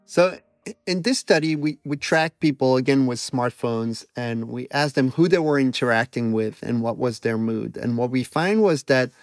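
In a conversational interview, a man with a Belgian French accent, an emotion researcher, talks through his studies and a personal story, thoughtful and self-deprecating. His voice is medium-pitched at a moderate pace, recorded clean in a studio with no room sound and faint music behind.

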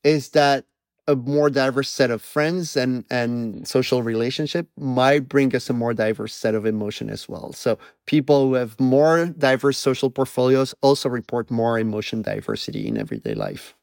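A Belgian French-accented emotion researcher, a guest in a conversational interview, explains his studies and shares a personal story in a thoughtful, self-deprecating way. His medium-pitched voice is expressive, gravelly and a little mellow, at a moderate pace, in a dry, clean studio recording.

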